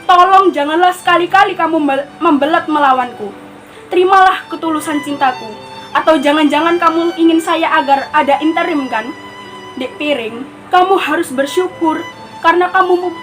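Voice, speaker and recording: A woman's voice: very high-pitched, fairly bright tone, poor audio. A teenage girl playing a lonely, paranoid civilian prisoner in a stage monologue, scolding and then pleading. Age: teens. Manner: scolding, swinging from pleading to threatening. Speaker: student performing a monologue. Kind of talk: theatrical monologue.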